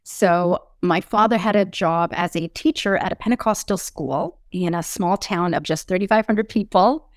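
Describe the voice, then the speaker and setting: Speaking at a normal speed with hardly any pauses, a middle-aged Newfoundland woman gives personal testimony while appearing as a guest on an interview. She is a podcast host, her voice sits on the low side, and the studio-quality recording has no room sound.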